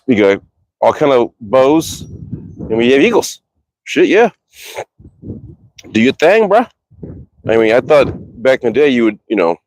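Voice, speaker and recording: A mid-range, slightly mellow male voice on a dry recording. An archery livestreamer, he's outdoors in a cold, windy backyard talking casually about his bows, rambling and swearing freely while reading viewer comments.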